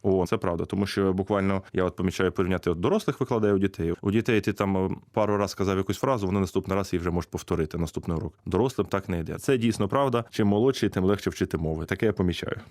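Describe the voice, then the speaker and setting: A man with a Ukrainian accent, a language teacher answering interview questions with lively examples and comparisons. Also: deep voice, dry recording, studio quality. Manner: fast, animated explaining with examples and analogies.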